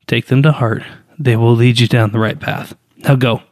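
A man voicing a wise, proud older male mentor who speaks calmly and earnestly to his pupil. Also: medium pitch, moderate pace, dry recording, clean studio sound, natural voice. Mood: tender. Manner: calm, earnest, fatherly.

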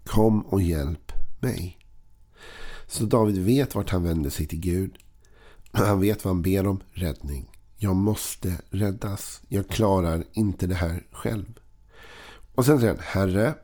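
A middle-aged man giving an earnest, slow-paced daily devotional with occasional chuckles. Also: deep voice, warm tone. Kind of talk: devotional talk.

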